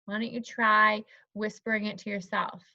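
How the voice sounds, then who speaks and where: A woman teacher demonstrating a phonics lesson to an imagined student, encouraging and modeling words slowly. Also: medium pitch, flat delivery, vocal fry, pushed and bright, no echo. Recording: slightly dull, dry recording.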